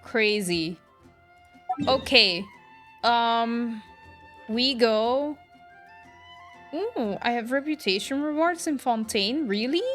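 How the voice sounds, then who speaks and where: Her voice is fairly high and a bit bright, with lively intonation, a slow pace, and frequent pauses. She's a woman streaming a game, chatting informally with viewers and reacting to their comments as music plays.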